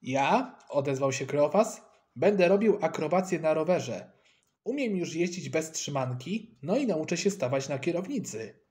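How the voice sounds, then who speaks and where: Man doing an eager, excited schoolboy. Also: fairly high pitch, moderate pace. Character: eager schoolboy full of plans.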